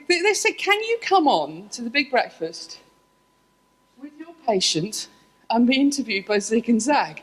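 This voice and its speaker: A middle-aged woman, a scientist, giving a lively conference talk to an audience, with self-deprecating asides. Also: mid-range voice, breathy edge, poor audio. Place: lecture room.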